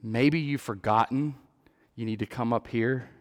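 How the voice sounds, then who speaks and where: A man with a Texan accent giving an earnest sermon-style testimony, repeating words and building to loud emphatic peaks. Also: medium pitch, a little slow. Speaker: lay preacher. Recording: long hall reverb.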